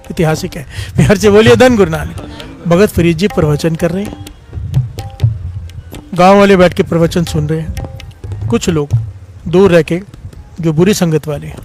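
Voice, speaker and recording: A man's voice: sits high, darkish tone. A man delivering a storytelling Sikh sermon, calling on the congregation to answer him and rising to impassioned pleading. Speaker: Sikh preacher. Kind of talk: storytelling sermon with call-and-response.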